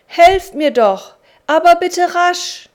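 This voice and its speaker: A woman voicing a flustered man who exclaims loudly and anxiously in a slow spoken story. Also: very high-pitched, animated, voice pushed up, exaggerated voice. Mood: pleading. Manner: exclaiming, loud and agitated. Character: flustered middle-aged man, panicky homeowner.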